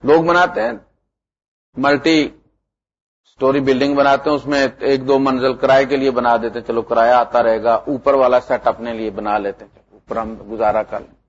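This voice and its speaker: A middle-aged man preaching a sermon, animated, with loud emphatic lines that drop to low asides. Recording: muffled lo-fi lecture recording.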